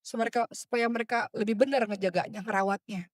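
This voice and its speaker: A woman's voice: mid-range voice, steady tone, fast, no room sound. Impassioned woman preacher, dry close sound. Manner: impassioned, rhetorical questions, swings between hushed and loud. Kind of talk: religious talk to women.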